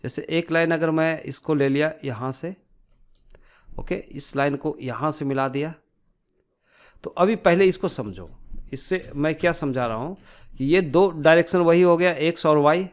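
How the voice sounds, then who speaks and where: This tutorial instructor explains informally and in steps, working through his own questions and answers and sprinkling in English technical terms. His voice is smooth, on the high side, and a little slow.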